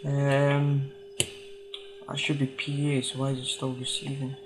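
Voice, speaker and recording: A man with a mid-range, monotone voice speaks a little slowly, hesitantly thinking aloud in casual, unscripted commentary as he tinkers. He's a hobbyist restorer hosting a video, captured on a noisy home recording full of clicks.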